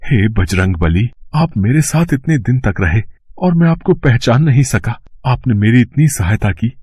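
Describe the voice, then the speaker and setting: A husky, devout old priest. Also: male voice, medium pitch, expressive, normal speed, a little mellow. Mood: awed. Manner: devout, earnest. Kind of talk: cartoon voice acting.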